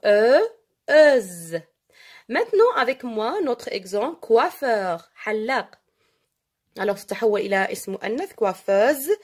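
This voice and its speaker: Lady teaching french, fairly high voice, goes over words slow and keeps asking "d'accord?". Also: darkish tone. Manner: switches between French and Arabic, repeats words slowly and asks "d'accord?". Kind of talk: classroom-style French grammar lesson.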